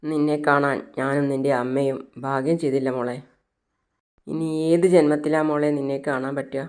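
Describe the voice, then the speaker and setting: Grieving old father in a told story, read by a woman narrator, low, flat voice. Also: normal speed. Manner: low, even reading voice. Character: grieving elderly father, broken by news.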